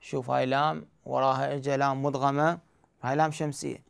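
A man's voice: mid-range voice, level tone, fast talker, vocal fry, clean tone, no room sound, studio quality. A man with an Iraqi Arabic accent, teaching Quran recitation rules step by step and answering his own questions. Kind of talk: explanatory lesson.

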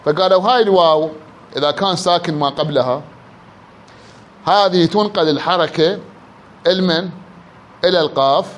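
Male grammar teacher with an Iraqi accent, high-pitched. He quizzes the class and draws out example words slowly. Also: slight background noise. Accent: Iraqi Arabic. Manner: quizzes students, drawls words out slowly to illustrate. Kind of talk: classroom lesson.

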